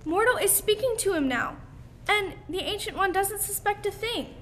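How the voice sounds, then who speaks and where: Teen girl as Doctor Strange, very high, bright. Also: expressive, normal speed. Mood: alarmed. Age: young teenager. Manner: dramatic, emphatic. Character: earnest, anxious woman doctor, former surgeon turned heroine. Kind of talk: amateur school radio play acting. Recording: faint background noise.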